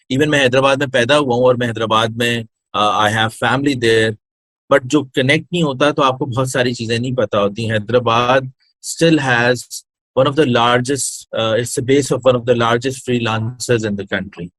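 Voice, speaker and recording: A man's voice: mid-range voice, a bit bright, no room sound, low-quality recording. A man with a Pakistani accent answering in an interview, hesitant and switching between two languages as he explains. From Pakistan, born in Hyderabad, grew up in Karachi. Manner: hesitant, code-switches between English and Urdu. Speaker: interview guest, startup incubator project director.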